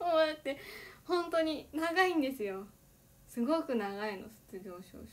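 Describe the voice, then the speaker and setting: A teenage idol girl chatting on her livestream in a slightly high voice. She talks casually and chattily, with little giggles breaking up her sentences. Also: lively intonation, normal speed. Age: teens. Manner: giggly, chatty, laughs often between sentences.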